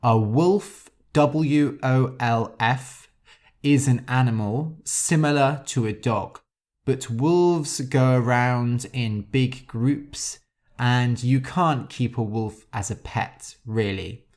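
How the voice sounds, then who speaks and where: A man hosting a podcast and teaching vocabulary for learners in a slow, deliberate way, spelling out words letter by letter. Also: medium pitch, a little mellow. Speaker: podcast host. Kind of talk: scripted vocabulary lesson for learners.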